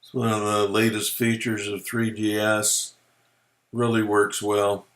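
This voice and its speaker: A man presenting a software tutorial, explaining features in a relaxed, folksy way as he clicks through them. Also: lowish voice, unhurried. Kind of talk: screen-recorded software walkthrough.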